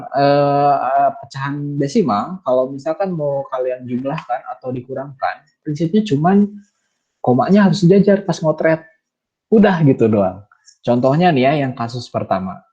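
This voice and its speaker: A young man with an Indonesian accent explains a math lesson in loose, chatty speech, dotted with fillers. His voice is husky and mellow, and the recording sounds dull and lo-fi. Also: mid-range voice. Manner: casual, chatty explaining with many fillers and tags. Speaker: math teacher.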